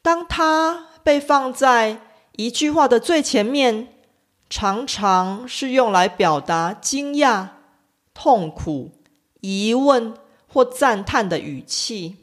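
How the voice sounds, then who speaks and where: A woman teaching a language lesson, explaining pronunciation with deliberate, clearly enunciated speech. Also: fairly high pitch, expressive.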